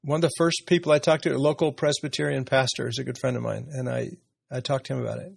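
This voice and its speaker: A man's voice: medium pitch, little pitch movement, fast talker, vocal fry, breathy edge. A middle-aged man, an interview guest, talking about his family in an earnest, reflective way with some hesitation. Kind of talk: personal story in conversation.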